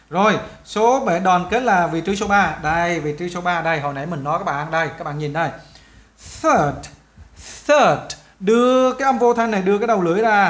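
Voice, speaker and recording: A man with a Vietnamese accent teaching an English lesson, patiently repeating words slowly for students to copy. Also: sits high, a bit bright. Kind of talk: explaining English grammar to students.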